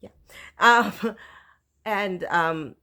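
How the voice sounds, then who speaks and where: A woman's voice: medium pitch, drawn-out words, bright, forceful tone. A woman from Puerto Rico chatting casually to camera as a book vlogger, rambling with lots of fillers and restarts. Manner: rambling, self-interrupting, many fillers. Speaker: booktuber.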